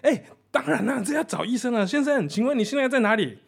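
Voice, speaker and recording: A shrill panicked repairman, as a man puts him on. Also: big pitch swings, quick pace, slightly rough. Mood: alarmed. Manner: shrill, alarmed, exclaiming. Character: panicked male phone repairman, middle-aged.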